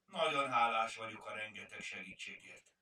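A man voicing a kind, brave young girl in a storybook, speaking gently and earnestly. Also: fairly low pitch. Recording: roomy, distant mic.

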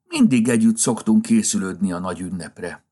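A man's voice: on the low side, mellow, pitched above the performer's own voice, close to an everyday voice. A man doing a cheeky, pouty little bunny. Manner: pouty and protesting. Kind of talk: storybook reading.

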